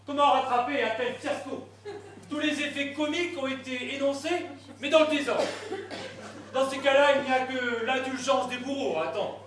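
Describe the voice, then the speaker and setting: A man's voice: very high-pitched, steady tone, normal speed, a bit bright, slight background noise. A man acting a pompous prosecutor who lectures the court in a mock-solemn, oratorical way, in an amateur stage comedy. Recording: echoey hall, distant mic.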